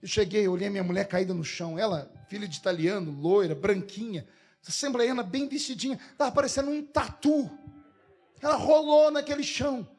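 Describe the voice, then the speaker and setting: A man's voice: sits high, brisk, darkish tone, soft background music. A man with a Brazilian Portuguese accent, a pastor telling a humorous story in a sermon and acting out the dialogue.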